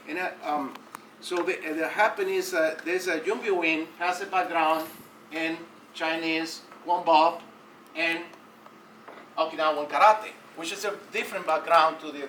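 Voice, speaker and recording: A Cuban man in the audience at an academic taekwondo conference offers unscripted comments from the floor, speaking haltingly with many fillers and restarts. His voice is a little high and a bit bright, captured from a distance in a roomy hall with faint noise.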